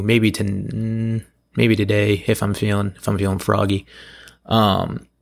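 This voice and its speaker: Casual male podcast host, lowish and gravelly, allergy-hoarse, digressive and self-deprecating in unscripted solo chat. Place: at home, in a room below a bathroom.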